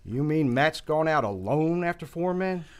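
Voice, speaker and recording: An actor playing an inquisitive, plain-spoken frontier town doctor in a western radio drama. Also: male voice, fairly high pitch, lively intonation, normal speed, clean tone, lightly acted. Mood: concerned.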